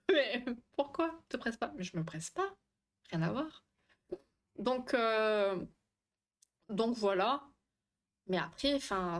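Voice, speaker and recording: A young woman hosting a casual live stream, chatty and quick to swear, often tripping over her words while she answers the chat. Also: mid-range voice. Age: young adult. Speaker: livestream host on relationships.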